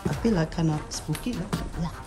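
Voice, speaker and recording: A woman's voice: sits low, normal speed. A woman in her thirties hiking and talking to her phone camera, chatting casually and switching between two languages, a bit out of breath from the climb. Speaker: travel vlogger. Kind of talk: casual vlog chat. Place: outdoors on a mountain trail. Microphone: phone camera at arm's length. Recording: phone video outdoors with music underneath. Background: background music.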